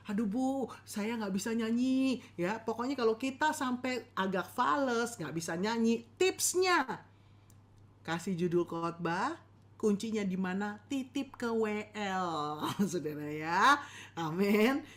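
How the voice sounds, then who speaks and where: A woman teaching a church lesson on preaching. She talks in a lively, animated way and keeps calling on her audience to respond. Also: mid-range voice.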